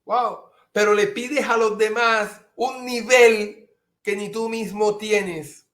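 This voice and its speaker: A man's voice: high-pitched, steady tone, slow pace, fairly bright tone. A middle-aged man preaching a sermon as a pastor, earnest, sometimes acting out his listeners' objections. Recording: echoey room.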